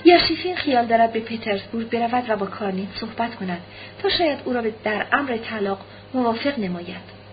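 Brief: a woman voicing a kind, gentle married sister, fairly high voice, muffled audiobook sound. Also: expressive, slight background noise, lightly acted. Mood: consoling. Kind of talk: audiobook reading.

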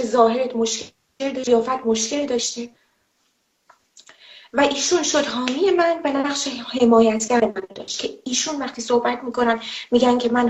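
A woman, a former TV presenter, giving a personal testimony in an emphatic, indignant way with rhetorical questions. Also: a little high. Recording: roomy, slightly dull audio.

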